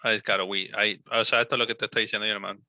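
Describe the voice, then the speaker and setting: A man teaching English in a speaking lesson, patiently explaining in Spanish and modelling English phrases slowly. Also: lowish voice, level tone, noisy background.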